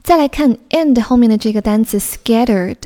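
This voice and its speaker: A woman's voice: fairly high pitch, normal speed, mellow. A young woman teaching English vocabulary, patiently explaining and spelling out words letter by letter.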